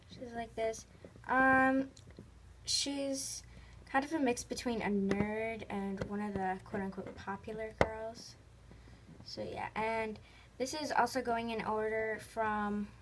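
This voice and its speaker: A woman with a slightly high voice hosts a toy video channel and narrates a casual vlog in a rambling, informal way that tends to trail off. She records indoors on a phone held near her, and the background is noisy.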